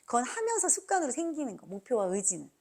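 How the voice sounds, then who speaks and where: Female seminar trainer: urging motivational delivery, highly animated swings in pitch, punchy questions to the audience. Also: fast talker. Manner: emphatic, urging, asks the listeners frequent rhetorical questions; acts out quoted remarks. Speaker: motivational speaker training business team members. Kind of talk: motivational business seminar talk.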